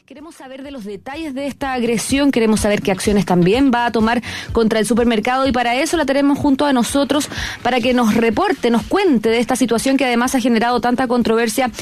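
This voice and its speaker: Female host with a fairly high voice, measured, empathetic questions. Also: a little mellow. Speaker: interviewer, TV host. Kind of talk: TV news interview.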